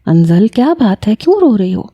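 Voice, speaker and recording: Tender, reassuring male professor, read by a woman, soft and mellow. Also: mid-range voice, natural voice. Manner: gentle, soothing.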